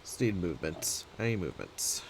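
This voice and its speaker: A man hosting casual commentary on a card game match, chatty and relaxed. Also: deep voice, brisk, gravelly, slight background noise. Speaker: caster, host.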